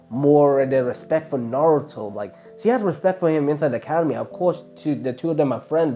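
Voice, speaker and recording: A man's voice: fairly high pitch, mellow. A man casually improvising a fan fiction story, rambling with constant filler words and restarts.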